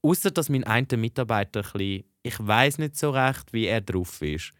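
A young man with a Swiss German accent, chatting on a podcast and spinning animated stories. His voice sits at an ordinary pitch and sounds close and dry, with no room around it. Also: normal speed, no room sound. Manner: animated, chatty storytelling with laughs. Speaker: podcast co-host. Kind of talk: casual chat.

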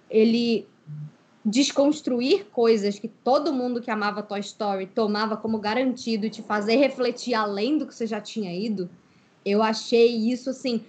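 A woman's voice: fairly high pitch, darkish tone. A young woman from Brazil, a podcast co-host in casual chat, talking in a thoughtful, reflective way.

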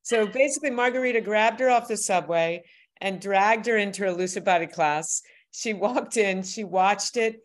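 An enthusiastic woman hosts an interview with a mid-pitched voice. She encourages her guest and keeps the talk moving. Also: moderate pace. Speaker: host, workshop leader. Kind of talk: podcast interview.

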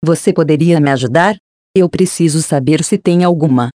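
A timid little girl in an audiobook asks shy, unsure questions, as a narrator puts her on. The voice is mellow and close, with a dry sound. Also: medium pitch, moderate pace, dry recording, lightly acted. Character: young girl, lost and unsure.

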